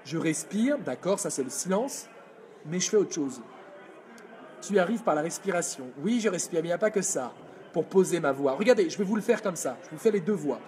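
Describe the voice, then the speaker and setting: A man coaching public speaking in a live video workshop, energetic and demonstrative, answering viewers' comments. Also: high-pitched, fairly quick, a little hiss or hum. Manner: energetic, demonstrative, reads chat comments aloud.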